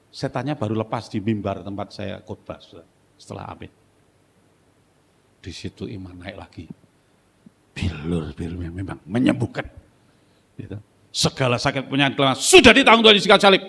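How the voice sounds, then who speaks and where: A man preaching as a guest pastor, telling stories and acting out dialogues, swinging between loud bursts and quiet asides. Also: mid-range voice, brisk, creaky, pauses often, a little hiss or hum. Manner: storytelling, acting out dialogues with sudden loud and soft turns. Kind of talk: sermon. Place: church hall. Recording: reverberant church hall.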